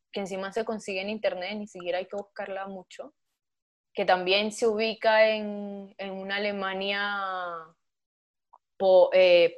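A woman speaking thoughtfully in a casual panel discussion, pausing often on fillers. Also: mid-range voice. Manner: thoughtful, with frequent filler pauses.

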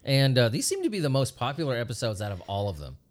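A man hosting a podcast, chatting casually and joking with his guest, laughing often. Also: fast talker. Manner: jokey, laughs often, lively pitch. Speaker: podcast host. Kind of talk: casual chat.

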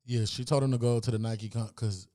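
A man co-hosting a podcast in casual chat, laying out facts in a relaxed, laid-back way. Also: medium pitch, fairly quick. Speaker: podcast co-host.

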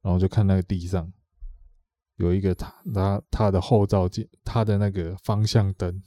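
On a podcast, a co-host with a Taiwanese Mandarin accent rambles through a story in casual conversation, repeating himself and performing what others said. His low-pitched voice has a dark tone and flat delivery at a moderate pace. The recording is dry.

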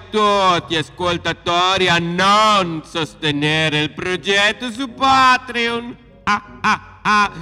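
A man's voice: sits high, pushed and bright, smooth, pitched above the performer's own voice, exaggerated voice. A man voicing a gloating, theatrical male villain who cackles and boasts, with long reverb and music behind.

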